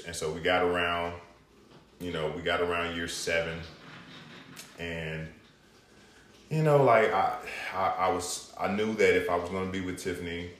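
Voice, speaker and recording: A man's voice: low-pitched, fairly bright tone, echoey room, slight background noise. A man co-hosting a casual chat, rambling and filling his talk with "you know" and "like.". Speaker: podcast co-host.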